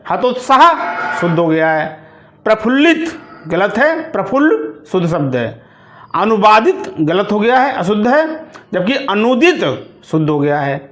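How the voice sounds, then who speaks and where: A man teaching a grammar lesson for exam preparation, reading out correct and incorrect words slowly and deliberately, one by one. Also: high-pitched, a bit bright, a little hiss or hum. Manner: slow, deliberate, word-by-word dictation of correct and incorrect forms.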